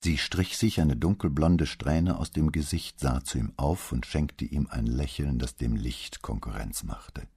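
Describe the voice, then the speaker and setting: A man narrating a crime novel audiobook in a measured storytelling manner. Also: very deep voice, creaky, a little mellow, slightly rough. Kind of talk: scripted narration.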